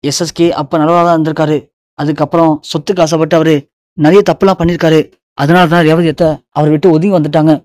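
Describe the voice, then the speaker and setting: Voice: mid-range voice, level tone, fast talker, a little mellow, lightly acted. A narrator voicing a caring young wife who anxiously soothes her husband. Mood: soothing.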